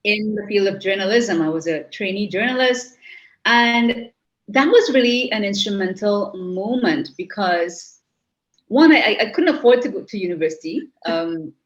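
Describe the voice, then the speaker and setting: In a slightly muffled interview recording, a middle-aged woman from Trinidad and Tobago speaks as a guest, reflective and often restarting her sentences. Her medium-pitched voice has lively intonation and a moderate pace.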